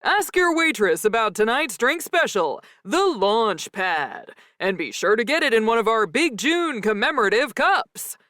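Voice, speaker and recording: A woman voicing a male arena announcer with a loud, booming delivery. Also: big pitch swings, measured pace, hardly any pauses, no echo, clean studio sound. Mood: announcing.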